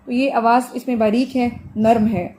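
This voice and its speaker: A woman teaching Quranic pronunciation in a fairly high voice, over a faint hiss of background noise. She explains each letter patiently with homely comparisons. She drags out the model sounds slowly so the class can copy them. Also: steady tone, dark tone. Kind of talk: online tajweed lesson.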